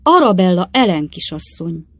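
Male narrator doing a kindly, excitable old gentleman from a classic storybook, gravelly outbursts. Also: a little high. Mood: flustered. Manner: flustered, exclamatory outbursts.

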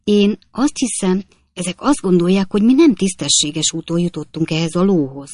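A woman voicing a timid young gentleman who stammers and hesitates as he speaks. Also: fairly low pitch, dry recording, natural voice.

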